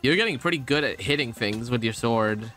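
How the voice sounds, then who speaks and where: A young male streamer reacting to a story game with sarcasm and frequent swearing. His voice is bright and jumps around in pitch. Faint game music plays behind him. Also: animated, brisk. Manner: sarcastic, swears a lot, laughs often. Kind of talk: casual gameplay commentary.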